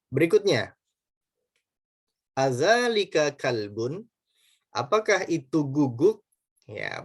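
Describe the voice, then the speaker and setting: A male teacher works through a beginner Arabic lesson at a slow, patient pace. He repeats each point, tags most sentences with "ya", and stretches out the Arabic words so students can copy them. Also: mid-range voice. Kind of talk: recorded lesson.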